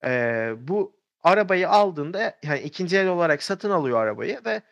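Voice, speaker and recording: A man's voice: on the high side, sing-song, normal speed, gravelly, highs cut off. A man telling a story in a casual podcast chat, rambling with fillers and restarts.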